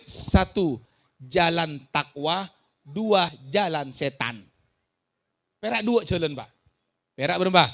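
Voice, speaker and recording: A man preaching a sermon to a village gathering. He swings from shouted warnings to quiet asides and often questions and jokes with the audience. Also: sits high. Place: outdoor village religious gathering.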